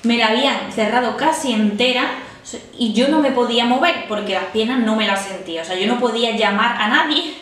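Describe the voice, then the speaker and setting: A woman in her thirties telling a personal story to her viewers in a casual, animated way, laughing as she goes. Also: fairly high pitch, a little fast, distant mic. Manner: animated, laughing while recounting. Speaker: vlogger. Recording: echoey room.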